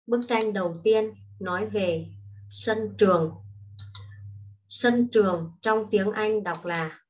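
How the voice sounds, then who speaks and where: A woman teaching a primary school English lesson online, explaining patiently and slowly to children. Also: mid-range voice, slight background noise. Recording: dull lo-fi recording.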